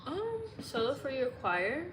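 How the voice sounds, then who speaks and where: Her high-pitched voice is sing-song and unhurried as this young Illinois livestream host, a Midwesterner, plays along with viewers' guesses, laughing often and guessing aloud while reading comments. The room sounds echoey, with clear background noise.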